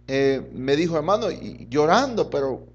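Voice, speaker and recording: A middle-aged man preaching a fervent sermon as pastor, his voice swinging between loud and soft as he keeps addressing the congregation as brother. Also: a little high, very animated, normal speed, dull audio.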